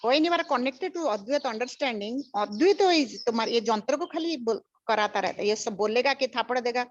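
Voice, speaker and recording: Older lady giving a spiritual lesson, high voice, pushy and repeats herself, muffled lo-fi sound. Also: lively intonation, normal speed. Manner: emphatic, repetitive, mixes English into Hindi. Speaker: spiritual teacher. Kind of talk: spiritual teaching talk. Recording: dull lo-fi recording.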